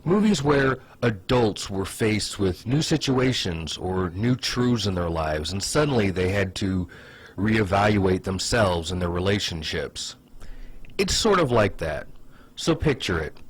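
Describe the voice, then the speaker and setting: With a fairly low, husky voice on a rough recording, a man hosting online videos gives laid-back comedic commentary. He talks conversationally, hesitating in asides and saying "like" a lot.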